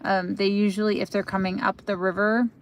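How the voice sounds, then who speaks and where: An American woman hosting a casual livestream outdoors, chatting in a halting way and trailing off as she goes. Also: mid-range voice, level tone, a little hiss or hum. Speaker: livestream host for a local magazine. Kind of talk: casual live commentary answering viewer comments. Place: outdoors at night by a lake.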